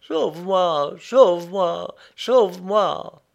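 A man's voice: a little high, a little slow, clear, resonant tone, dull audio, pitched above the performer's own voice, natural voice. Man voicing a coarse condemned prisoner. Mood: terrified. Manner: coarse working-class speech. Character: rough condemned male prisoner, coarse and blunt.

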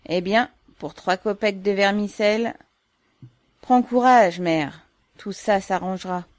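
A woman's voice: medium pitch, slow pace, no echo, pitched above the performer's own voice, lightly acted. A woman voicing a morose male stoker who grumbles but offers comfort. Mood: grumbling.

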